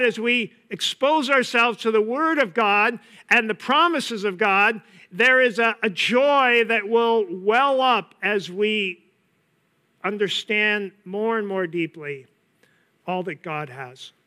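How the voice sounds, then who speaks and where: A man preaching a sermon in an earnest way, often asking the listeners questions and pausing to let a point land. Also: high-pitched, bright, forceful tone. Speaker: pastor.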